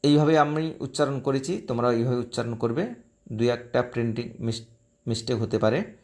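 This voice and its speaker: Man, teacher, Sanskrit recitation, slow syllable-by-syllable, patient explaining. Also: mid-range voice, a little mellow. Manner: chants Sanskrit then explains in Bengali. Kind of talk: recorded reading lesson.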